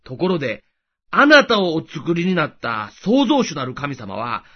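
Man, high voice, lively intonation, scripted devotional talk, gentle explaining manner, dull lo-fi sound. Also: a little slow.

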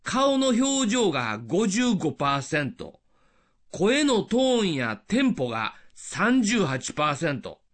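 An older man preaches on the radio in a high, strongly rising and falling voice. He explains patiently and keeps asking questions to the listener. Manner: lively, explanatory with rhetorical questions. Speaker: radio evangelist. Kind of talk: radio sermon.

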